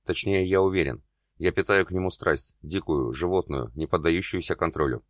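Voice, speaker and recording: A man's voice: low voice, moderate pace, no echo, studio quality, natural voice. A man voicing a tormented male surgeon torn by passion, speaking in a desperate, confessional way in an audiobook.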